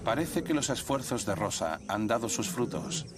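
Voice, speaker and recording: A man's voice: mid-range voice, animated, moderate pace, very noisy. A man delivering scripted nature documentary narration. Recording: narration over background music.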